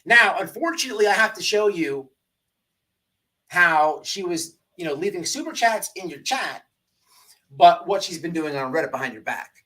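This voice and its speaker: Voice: medium pitch, animated, normal speed, pushed and bright, recorded from a distance. A livestream host delivering an informal exposé in a smug, sarcastic way, hammering points by repeating phrases. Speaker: host of a livestream commentary channel.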